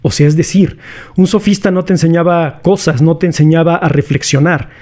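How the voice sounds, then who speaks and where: A man with a Mexican accent explains philosophy in a relaxed, chatty lecture, slipping into slang and tossing rhetorical questions at his viewers. His voice sits a little high for a man yet sounds warm and mellow. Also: brisk. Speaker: philosophy video host.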